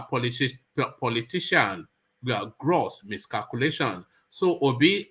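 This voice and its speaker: A man hosting a casual live political talk stream, halting and repeating words as he moderates. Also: medium pitch, fairly bright tone, husky. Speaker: livestream host and moderator.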